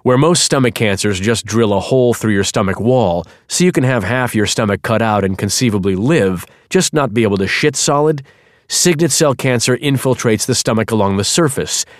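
A man reading a first-person novel aloud in a sardonic, wry deadpan, close to the mic. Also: mid-range voice, normal speed, no room sound. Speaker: audiobook narrator. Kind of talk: scripted first-person narration.

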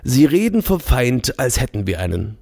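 A man's voice: mid-range voice, big pitch swings, normal speed, creaky, a little mellow, dry recording, clean studio sound. A man voicing a thin civilian official in an audiobook, raising an objection. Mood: objecting.

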